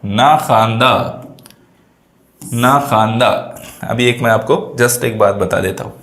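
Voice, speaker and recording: A man's voice: medium pitch, takes it slowly, a bit bright. A male teacher who explains vocabulary exam answers step by step and keeps checking that his students follow. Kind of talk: exam prep lesson. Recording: echoey room sound.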